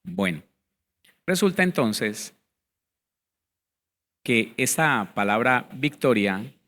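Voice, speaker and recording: Male pastor teaching a bible class, reads definitions out, talks right at you, bright punchy voice, middle pitch. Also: big pitch swings, slow. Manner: addresses listeners directly, emphatic and repetitive; reads word definitions aloud.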